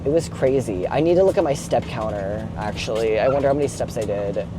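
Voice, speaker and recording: Behind the wheel of a moving box truck, a young man vlogs in a loose, sweary, rambling style, opening up about himself and saying "like" a lot. He has a medium-pitched voice with lively intonation and talks fairly quickly, over clear engine and road noise.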